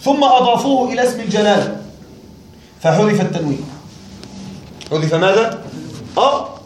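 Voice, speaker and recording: A man's voice: sits high, lively intonation, moderate pace, slight background noise. A male teacher giving a classroom lecture on a grammar text, questioning and wryly puzzled as he talks straight to his students. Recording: very echoey room.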